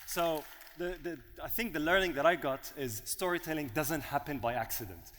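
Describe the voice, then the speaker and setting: A male event host talks in a relaxed, chatty way, then lifts into announcer hype when bringing on the next speaker. His slightly high voice carries with a long reverb through the hall. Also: normal speed, a little hiss or hum. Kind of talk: casual stage hosting.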